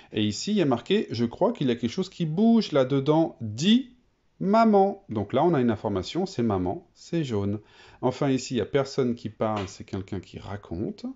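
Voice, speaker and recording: A man teaching a reading lesson to children, explaining step by step with many pauses and fillers. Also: medium pitch, warm tone, dull audio.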